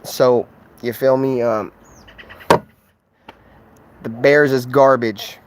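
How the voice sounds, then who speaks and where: A man's voice: mid-range voice, fairly even intonation, extremely slow, slight background noise. Profane, slangy man trash-talking on a livestream. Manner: loose and rambling with fillers. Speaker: sports livestreamer. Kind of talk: casual livestream trash talk.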